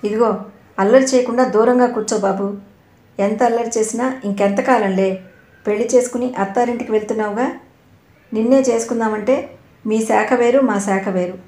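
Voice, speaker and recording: A woman's voice: a little high, fairly even intonation, normal speed, long pauses, dark tone, close to an everyday voice. Woman reading as a teasing young lover. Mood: coaxing. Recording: roomy echo.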